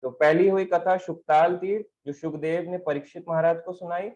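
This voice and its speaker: Male spiritual teacher, slightly high voice, patient explanatory delivery that asks and answers itself, stand mic, dull recording. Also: fairly even intonation, moderate pace, darkish tone. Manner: explanatory, asks and answers his own questions. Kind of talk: devotional talk on scripture.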